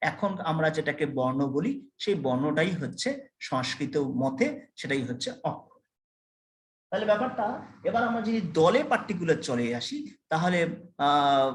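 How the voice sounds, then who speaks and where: A man with a high voice teaches a college class in an echoey classroom. He explains step by step, repeats the key terms and stops to quiz his students. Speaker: college lecturer. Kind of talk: classroom lecture.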